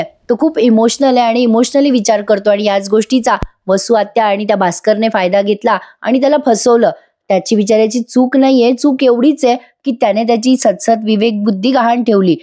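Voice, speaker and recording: A woman's voice: a little high, steady tone, brisk, warm tone. A woman giving a voice-over review of a TV episode, chatty and sympathetic as she speaks to viewers. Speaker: TV serial reviewer.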